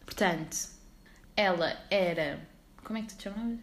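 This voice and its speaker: A woman's voice: lowish voice, moderate pace. A young woman in her twenties with a European Portuguese accent, co-hosting a podcast with teasing, jokey banter. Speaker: podcast co-host. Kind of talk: casual chat.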